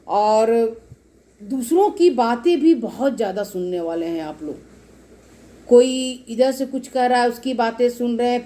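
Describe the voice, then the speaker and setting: A tarot reader with a high, darkish-toned voice gives her viewers a casual reading. She explains each card at length and repetitively, speaking straight to her audience.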